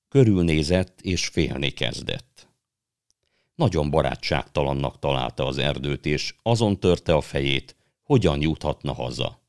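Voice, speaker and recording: A man narrates a fantasy story in the manner of an audiobook reading. His voice sits extremely low. He keeps an even, measured storytelling pace. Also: no echo, clean studio sound.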